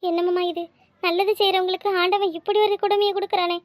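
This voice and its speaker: A woman's voice: very high voice, little pitch movement, quick pace, dry recording, clean studio sound, pitched below the performer's own voice. A woman voicing a fussy, superstitious older village mother-in-law in a cartoon, with a Tirunelveli Tamil accent and a scolding, fretful way of talking. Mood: worried. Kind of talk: cartoon voice acting.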